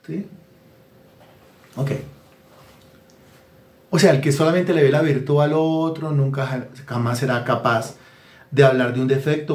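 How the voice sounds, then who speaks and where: A man preaching a sermon as pastor, animated and mimicking people to make his point. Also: mid-range voice, echoey room.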